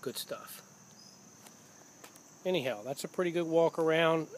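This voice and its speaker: Outdoors beside his parked motorcycle, a man films it with a handheld camera or phone and casually explains the details as he goes. He's relaxed and plain-spoken, with a slightly high, unhurried voice and a little hiss or hum in the audio.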